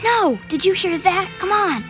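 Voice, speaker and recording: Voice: extremely high pitch, expressive, measured pace, a bit bright, faint music behind, full character voice. A performer voicing a bold, curious young boy in a children's radio drama, urging his sister on. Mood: eager. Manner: daring, eager.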